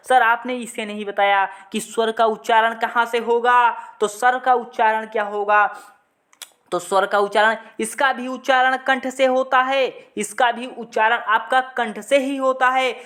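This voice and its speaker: A woman's voice: a little high, fairly bright tone. A woman teaching an exam-prep lesson, asking questions and answering them herself over and over. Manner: repetitive question-and-answer drilling. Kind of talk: classroom lesson.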